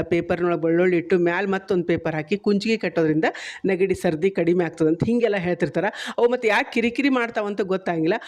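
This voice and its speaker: A woman's voice: lowish voice, a little mellow. Folksy woman with a North Karnataka accent. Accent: North Karnataka Kannada. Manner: folksy, conversational, often says "see". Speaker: cooking channel host. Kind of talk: homely explanation of child-care customs.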